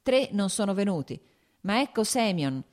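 A woman's voice: medium pitch, big pitch swings, moderate pace, a little mellow, pitched above the performer's own voice, natural voice. A woman reading the part of a farm steward man who answers with shrugging excuses. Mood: defensive.

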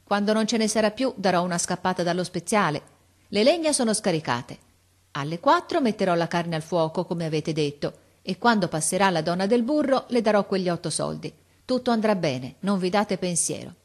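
A woman voicing a cheerful, hardworking young boy who talks in a quick, lively, chatty way in an audiobook reading. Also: on the low side. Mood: eager.

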